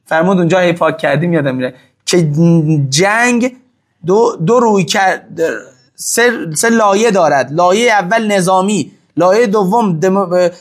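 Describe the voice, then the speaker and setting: A man giving impassioned talk to an audience, answering their questions, repeating phrases for stress and swinging between loud emphasis and hushed asides. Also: high voice. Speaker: religious-political speaker answering audience questions.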